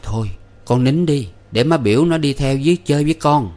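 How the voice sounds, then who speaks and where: A kindly, wealthy middle-aged lady, played by a man, speaks in a voice lifted above his own. She sounds gentle and coaxing, a motherly figure in a storybook reading. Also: medium pitch, moderate pace, pitched above the performer's own voice, natural voice. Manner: soft, fond and coaxing. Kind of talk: audiobook reading.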